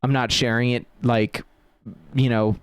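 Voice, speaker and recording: A man's voice: medium pitch, flat delivery, a little slow, smooth, dry recording. Rambling man hosting a chat. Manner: rambling, full of fillers and restarts. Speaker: podcast host. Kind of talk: casual chat.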